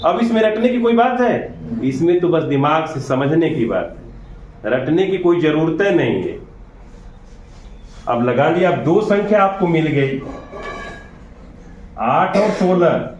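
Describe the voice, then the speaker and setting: A man's voice: fairly high pitch, animated, takes it slowly, long pauses, darkish tone, slight background noise. A man teaching a classroom lesson, patiently explaining and often checking that the class understands. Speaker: school teacher. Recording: echoey, dull lo-fi classroom recording.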